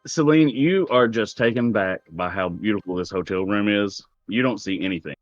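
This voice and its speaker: A man's voice: on the low side, normal speed, no room sound, muffled recording. A man running a tabletop role-playing game as game master, narrating in a casual, conversational way. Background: music.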